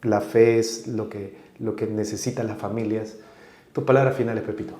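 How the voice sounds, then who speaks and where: A man from Peru hosting a family show, speaking softly and gratefully to his guest. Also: lowish voice, fairly even intonation, normal speed, reverberant. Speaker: host. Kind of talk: interview wrap-up.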